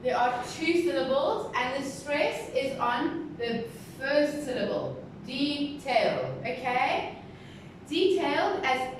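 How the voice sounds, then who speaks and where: A woman teacher giving a recorded lesson to young pupils, speaking slowly and stressing syllables as she teaches new words. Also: high-pitched, recorded from a distance. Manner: slow, deliberate, stressing syllables. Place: classroom with a board. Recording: very echoey room, voice from the mic, clear background noise.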